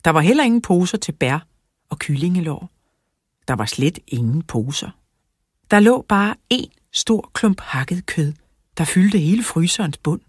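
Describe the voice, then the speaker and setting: A woman reads a children's book aloud in a steady storytelling manner. Her voice is low and husky. It is recorded close and dry, with no room sound. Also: no room sound. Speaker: audiobook narrator. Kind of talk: children's audiobook reading.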